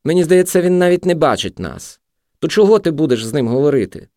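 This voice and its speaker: Male reader doing a frightened young woman, anxious, pleading, higher voice. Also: lively intonation, quick pace, dark tone, no echo, studio quality, natural voice.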